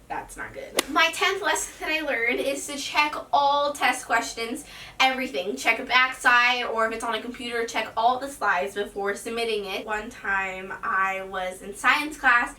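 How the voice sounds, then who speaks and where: A woman's voice: fairly high pitch, sharp tone, slight background noise. Teen girl vlogging, lots of likes, kinda far from the mic with roomy echo. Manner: chatty, lots of "like" fillers. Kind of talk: casual storytelling vlog.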